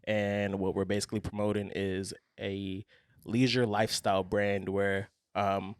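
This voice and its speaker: A young man, a podcast guest, chatting casually and plugging his own brand in a relaxed way. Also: lowish voice, a little slow, clean tone, no echo, clean studio sound. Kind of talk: casual chat.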